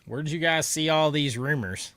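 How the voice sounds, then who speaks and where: Stuffy-nosed and sore-throated, a livestream host talks around a cough drop at a moderate pace, his fairly high, slightly bright voice nasal from congestion. He keeps things casual, chatting and laughing as viewer comments come in, and there's no echo.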